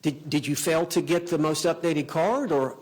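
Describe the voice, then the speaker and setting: Higher-pitched man questioning a witness. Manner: halting, repeats and rephrases his questions. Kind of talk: courtroom examination. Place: courtroom.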